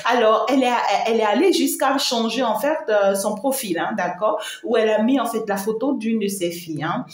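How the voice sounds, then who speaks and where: A woman's voice: a little high, a little fast. A woman spiritual medium giving an emphatic, repetitive live-streamed talk, addressing her viewers fondly. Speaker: spiritual medium and channel host. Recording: roomy echo.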